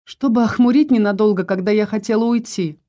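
A woman reading the part of a weary young wife who answers softly and sighs, in a mellow voice close to her own. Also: mid-range voice, fairly quick, natural voice. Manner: soft, sighing replies.

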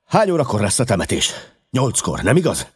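Sherlock Holmes, voiced by a husky-voiced man, urgent and commanding. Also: low voice, huge pitch swings, a little mellow, dry recording, clean studio sound, pitched above the performer's own voice, heavily acted. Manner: urgent, barking orders. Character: brilliant, restless male detective, commanding.

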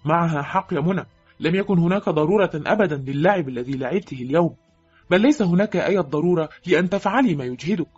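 A woman's voice: on the low side, animated, quick pace, a little mellow, breathy edge. A woman voicing a blunt, firm young man who is an army officer, in an audiobook. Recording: dull lo-fi with faint music.

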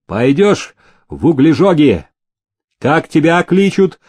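A man's voice: fairly high pitch, very animated, slow pace, a little mellow, slightly rough, no room sound, voice pushed up, full character voice. A man voicing a pompous, bossy male factory overseer who barks orders and turns sugary when mocking.

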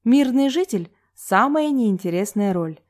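A woman's voice: a little high, animated, measured pace, a little mellow, voice pushed up. A woman voicing a young female student musing sourly to herself. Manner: sour, inward musing.

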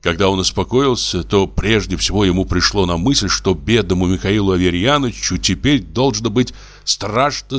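Male audiobook narrator, low voice, measured and expressive. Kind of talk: audiobook reading of classic fiction.

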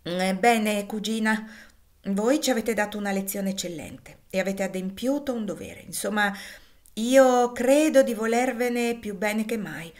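Lady doing a lazy witty gentleman, drawls and teases, storybook reading. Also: mid-range voice, unhurried, close to an everyday voice. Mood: wry. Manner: drawling, playful, teasing. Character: ironic, languid gentleman, easygoing and witty.

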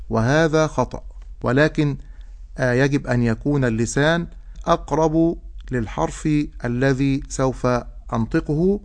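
A man teaching Quran recitation, explaining rules and then reciting example words slowly and drawn out. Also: medium pitch. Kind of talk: tajweed lesson with recited examples.

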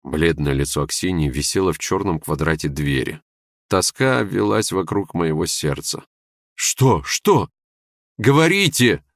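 Man reading a story aloud, super deep voice, steady and expressive. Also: dry recording, clean studio sound. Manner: measured, expressive reading of prose. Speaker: audiobook narrator. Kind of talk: scripted literary narration.

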